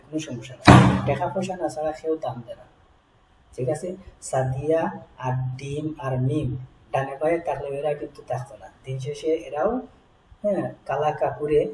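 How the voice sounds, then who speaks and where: A man talks through a casual spoken lesson as an English test tutor. His voice is mellow and a little dark. He is picked up from a distance in a room that echoes. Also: on the high side, slight background noise. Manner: thinks aloud, repeats English phrases slowly while writing. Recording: roomy, mic at a distance.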